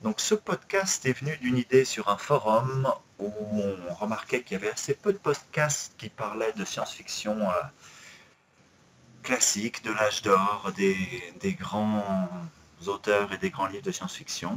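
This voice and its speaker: Guy in his forties co-hosting a chat podcast, lowish voice, easygoing and chatty, faint hiss behind. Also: measured pace. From France, Paris. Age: 40s. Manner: relaxed, chatty, hesitant with fillers. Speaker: podcast co-host. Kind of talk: casual chat.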